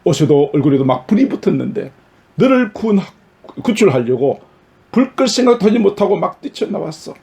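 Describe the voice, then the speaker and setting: Man doing a gentle scarred mother, pleading, slightly raised pitch, warm tone. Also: sing-song, brisk, creaky, full character voice. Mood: tender. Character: loving mother scarred by fire, tender.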